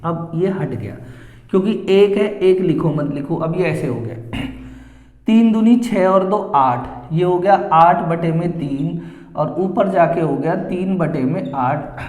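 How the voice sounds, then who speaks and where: A man teaching maths at a board, explaining each step slowly and repeating the same phrases as he goes. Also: on the high side, a little mellow. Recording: echoey room with long reverb.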